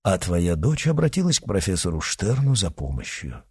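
A cold, mocking henchman speaks low and curt, every line clipped and quietly threatening, as a man reads him. The voice has a husky grain. It is an audiobook figure who never raises his voice. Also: big pitch swings, moderate pace, exaggerated voice. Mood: cold, menacing. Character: cold menacing male henchman in shadows.

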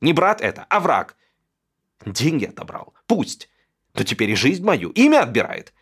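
A man voicing a pampered, self-pitying young man who whines and breaks into falsetto. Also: sing-song, normal speed, a bit bright, slightly rough, full character voice. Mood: aggrieved.

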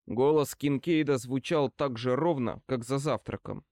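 A man narrating an audiobook in the first person with a brisk, expressive reading. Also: medium pitch, no room sound, clean studio sound.

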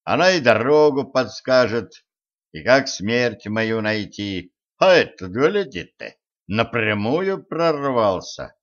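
A man's voice: mid-range voice, lively intonation, takes it slowly, a bit bright. A man voicing an old, world-weary sorcerer-villain with dry, sarcastic drawling remarks, on a dull lo-fi recording. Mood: wry.

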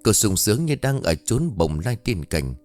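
A man narrating a dark story in a dramatic, lively storytelling manner. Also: lowish voice, normal speed, soft background music.

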